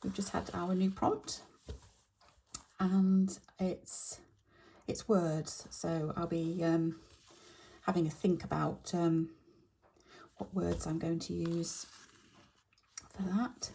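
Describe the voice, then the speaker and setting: Chatty woman, soft husky low voice. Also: flat delivery. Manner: chatty, halting with many fillers. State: slightly croaky. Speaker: stitching vlogger. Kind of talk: casual narration while stitching.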